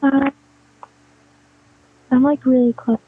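A woman's voice: sits high, little pitch movement, slow, breathy edge, no room sound. A nineteen-year-old woman answering a phone call with hesitant, mumbled replies. Her voice sounds faint and distant, as if the phone is held away from her. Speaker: prank call target. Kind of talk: phone conversation. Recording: tinny muffled phone line.

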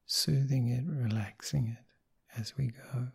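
A man leading a guided meditation in a soft, gentle voice, with unhurried short phrases and pauses between them. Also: medium pitch, vocal fry, breathy edge. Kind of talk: guided meditation, slow soothing instruction.

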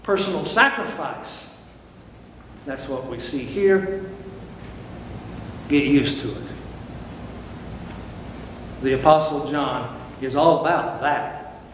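A man preaching with emphatic, animated delivery and rhetorical questions. His voice is high for a man. A long hall reverb and faint room noise hang behind him. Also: takes it slowly, long pauses. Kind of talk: sermon.

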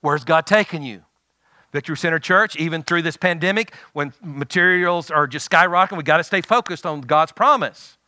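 High, bright-voiced preaching man. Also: normal speed, no echo, studio quality. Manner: exhorting, call-and-response. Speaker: pastor. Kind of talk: sermon.

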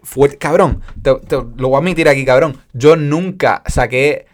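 A young Puerto Rican man co-hosting a casual podcast chat, telling stories in a lively way, acting out quotes and swearing freely. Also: mid-range voice, moderate pace. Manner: animated storytelling with acted-out quotes, heavy slang and swearing. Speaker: podcast co-host.

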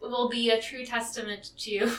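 Recorded at a distance in an echoey room, a young woman co-hosting a laid-back podcast speaks at a moderate pace. Her voice is a little high and a bit bright, with little pitch movement. She chats freely, laughs often, and leans heavily on "like."

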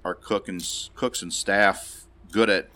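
Man, pub owner, deep voice, plainspoken, hesitant. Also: steady tone, unhurried, pushed and bright. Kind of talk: casual interview chat.

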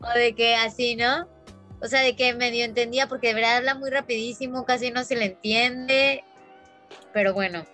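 A Mexican woman guest telling stories in a casual chat, animated and full of fillers. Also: on the high side, moderate pace, soft background music. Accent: Mexican Spanish. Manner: animated storyteller, many fillers.

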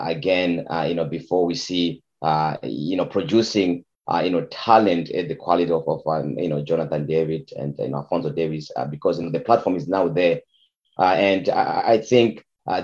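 A man from Zimbabwe coaching youth soccer, talking through interview answers with a very low voice. He stumbles and repeats words, with lots of fillers. The sound is dull and lo-fi. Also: darkish tone.

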